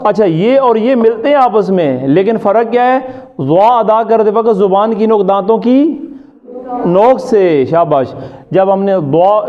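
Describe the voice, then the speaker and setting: Man, tajweed teacher, classroom lesson, high voice, muffled lo-fi recording. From Pakistan. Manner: drills sounds by repeating them and quizzing the class; often checks understanding with "ٹھیک ہے؟". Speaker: Quran recitation teacher.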